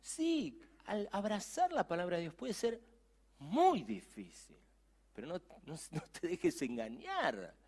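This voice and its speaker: A man's voice: high voice, huge pitch swings, takes it slowly, a little mellow. A middle-aged man with a Rioplatense Spanish accent, a youth pastor preaching a sermon with emphatic, conversational asides.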